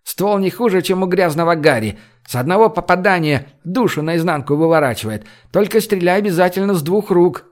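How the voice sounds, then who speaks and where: A brash, joking man who runs the group, played by a male audiobook reader. He talks loud and bossy, with a pushed, lifted voice. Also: high-pitched, expressive, a little fast, few pauses, voice pushed up.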